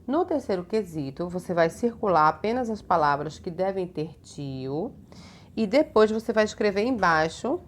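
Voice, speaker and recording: A Brazilian woman teaching young children a homework lesson, slow, patient and didactic, stretching words out and checking in often. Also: lowish voice, expressive, slight background noise. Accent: Brazilian Portuguese. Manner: uses many diminutives and checking tags. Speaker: primary school teacher.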